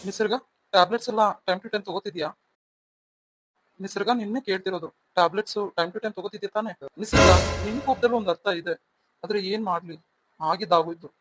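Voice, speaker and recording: A remorseful young husband in a cartoon story, earnest and pleading, as a man voices him. His voice is mid-pitched, and he talks quickly. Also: background noise, lightly acted.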